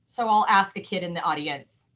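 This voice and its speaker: In a relaxed interview, an animal shelter's humane educator talks chattily, often restarting and using fillers. She speaks at normal speed in a fairly low, slightly bright voice, and the recording has its highs cut off.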